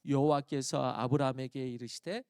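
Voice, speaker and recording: A man preaching a sermon as a pastor, reading scripture slowly and rising to loud emphatic peaks before dropping to quiet asides. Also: medium pitch, steady tone, smooth, no echo, clean studio sound. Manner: reads scripture slowly aloud.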